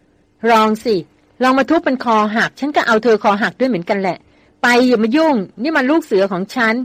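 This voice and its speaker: A woman's voice: on the high side, fairly quick, dry recording, voice pushed up, lightly acted. A woman reading aloud as a spirited, headstrong young woman who talks eagerly and scolds sharply. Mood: angry scolding.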